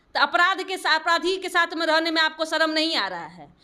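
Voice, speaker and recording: A woman's voice: extremely high pitch, fairly quick, pushed and bright. A woman party spokesperson answering interview questions in a combative way, rebutting her opponents and lecturing them.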